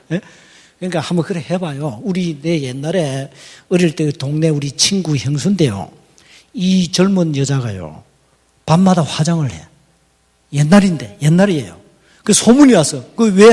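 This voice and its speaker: Middle-aged man, high voice, folksy teasing preacher, reverberant hall. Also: a little mellow, slightly rough. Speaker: pastor. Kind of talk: sermon. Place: church hall.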